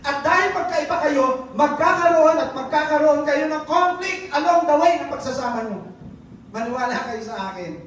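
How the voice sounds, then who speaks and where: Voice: high-pitched, expressive, moderate pace. A preacher giving a sermon, switching between Tagalog and English and quizzing the congregation. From Philippines. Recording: very echoey church hall, distant mic, faint noise.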